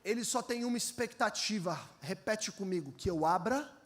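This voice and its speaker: High-voiced Brazilian pastor preaching animatedly. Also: male voice, moderate pace, slight background noise. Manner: animated, acts out voices in his stories, calls on the congregation to repeat. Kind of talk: energetic sermon with storytelling.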